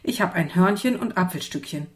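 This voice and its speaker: A woman's voice: lowish voice, animated, brisk, close to an everyday voice. A woman voicing a cheerful little kindergarten boy who talks casually.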